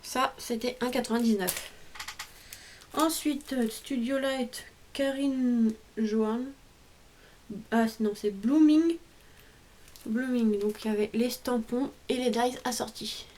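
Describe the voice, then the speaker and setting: Woman vlogger, slightly high voice, chatty and hesitant, faint background hiss. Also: steady tone, takes it slowly, pauses often, a little mellow. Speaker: craft vlogger. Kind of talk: casual show-and-tell haul.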